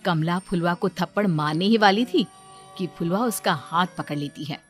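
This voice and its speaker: A woman's voice: lowish voice, normal speed, faint music behind. A woman reading scripted narration for a cartoon bedtime story as its storyteller.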